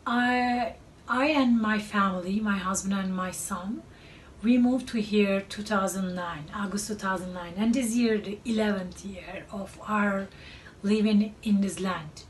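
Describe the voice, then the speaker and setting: A middle-aged woman from Turkey, a native Turkish speaker with a Turkish accent, presents her work as an artist in a cluttered studio. Her mid-range voice is slow and halting, often pausing as she searches for words. A far camera mic catches her from a distance, with faint room noise.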